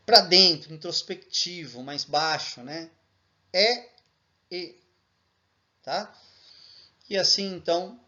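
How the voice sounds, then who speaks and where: A man's voice: on the high side, pushed and bright, lo-fi sound. A man with a Brazilian Portuguese accent explaining a lesson patiently, checking in often with tag questions. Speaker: teacher.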